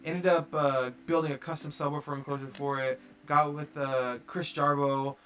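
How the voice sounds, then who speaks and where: Male streamer, voice a touch high, casual storyteller, rambling, filler-heavy, acts out quotes. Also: level tone, moderate pace, fairly bright tone.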